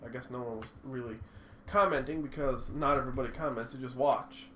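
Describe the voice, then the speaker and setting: A man's voice: medium pitch, brisk, pushed and bright. A man co-hosting a casual game stream, rambling with filler words into a desktop mic. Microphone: desktop USB condenser mic. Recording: faint computer fan hum.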